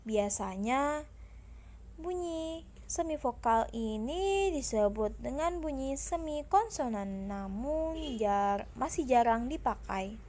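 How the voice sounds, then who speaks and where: A woman's voice: sits high, animated, slow pace, a little mellow. Young Indonesian woman reading lecture notes. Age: young adult. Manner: careful reading with small slips and restarts. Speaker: student presenter.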